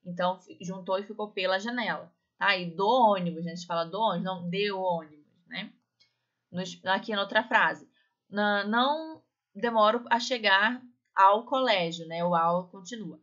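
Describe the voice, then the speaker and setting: Woman teacher with a bright voice. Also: fairly low pitch, steady tone. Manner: explains slowly, ends phrases with "tá bom?"; reads Spanish examples slowly and carefully. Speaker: Spanish teacher. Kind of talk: recorded online class lesson. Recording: slightly dull lo-fi sound.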